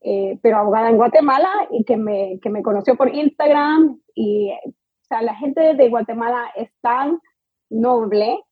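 A middle-aged woman, a native English speaker, talks as an interview guest in a chatty way. She restarts often and fills pauses with little sounds. Her voice is a bit high and husky, and the recording is dry and muffled. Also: no room sound. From United States. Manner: chatty and warm, with many fillers and restarts. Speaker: guest, immigration lawyer. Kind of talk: conversational interview.

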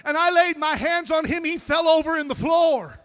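A male pastor preaching an impassioned sermon, building up to shouted commands and telling a story from his ministry. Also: very high-pitched, animated, normal speed.

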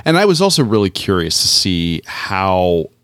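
A man co-hosting a podcast with dry, playful banter. His low voice moves lively up and down, recorded close and dry with no room sound. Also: moderate pace, no room sound. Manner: playful, dryly joking. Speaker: podcast co-host. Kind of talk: casual podcast chat.

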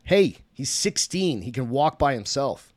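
A man reading the lines of an obnoxious drunken father with a raspy voice and slow, mocking delivery. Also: mid-range voice, sing-song, no room sound, voice pushed up.

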